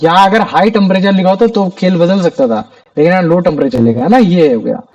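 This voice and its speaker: A man's voice: high-pitched, quick pace, darkish tone, lo-fi sound. A man teaching a chemistry class, talking casually to his students and asking them questions. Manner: chatty, calls students "bhaiya".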